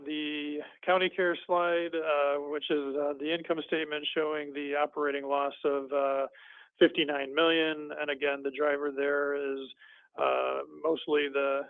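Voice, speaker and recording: Halting man giving a finance report. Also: fairly high pitch, clear, resonant tone, no echo. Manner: halting, many ums and uhs. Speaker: finance presenter. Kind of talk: reading a committee finance report. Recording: tinny phone-like line.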